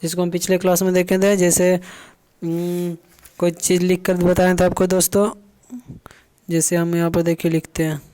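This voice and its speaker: A man teaches a grammar lesson in a clear, smooth voice that sits high for a man. He keeps his pitch fairly level, putting questions to his viewers and answering them himself, and he repeats each key point. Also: monotone, moderate pace, warm tone.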